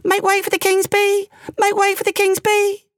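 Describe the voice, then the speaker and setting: A woman voicing a tiny, loyal male bee in a storybook tale, calling out in a high piping voice. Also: monotone, normal speed, no room sound, clean studio sound. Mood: earnest.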